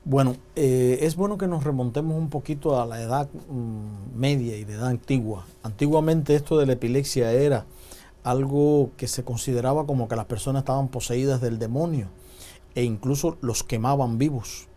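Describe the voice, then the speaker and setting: A man, a doctor appearing as a TV talk show guest, explaining medical topics in a calm, measured way. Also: mid-range voice. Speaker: physician guest.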